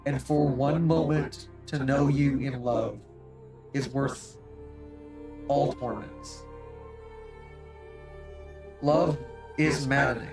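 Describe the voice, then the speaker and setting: A man's voice: medium pitch, steady tone, slow pace, creaky, long pauses. A man voicing a sorrowful ancient female statue spirit through a voice changer, speaking in solemn, archaic phrases over faint music. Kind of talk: game master voicing a character.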